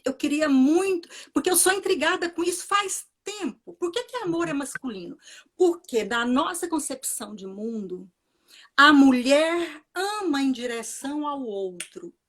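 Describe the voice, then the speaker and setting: A woman's voice: high-pitched, expressive, measured pace, fairly bright tone. Earnest Brazilian woman giving a reflective talk. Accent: Brazilian Portuguese. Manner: earnest, repeats phrases for emphasis. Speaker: speaker at a commemoration.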